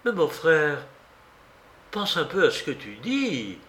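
A man's voice: fairly high pitch, big pitch swings, takes it slowly, fairly bright tone, a little hiss or hum, full character voice. A male narrator voicing an earnest, restrained young woman in an audiobook. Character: composed young woman, the sister. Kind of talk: audiobook character reading. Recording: roomy recording.

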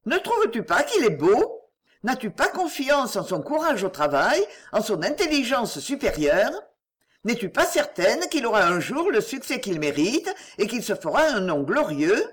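An earnest fifteen-year-old girl pleads in a raised, lively voice, as a woman reader puts her on. The melody rises and falls widely through her questions, pitched above the reader's own voice. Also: moderate pace, slightly rough. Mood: pleading.

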